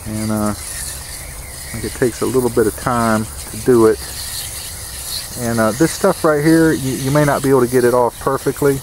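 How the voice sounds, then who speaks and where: A man's voice: medium pitch, fairly even intonation, normal speed, long pauses, a little hiss or hum. A man giving a plain-spoken, folksy how-to demonstration outdoors, repeating his warnings. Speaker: DIY home repair instructor. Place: outdoors beside an air conditioner unit.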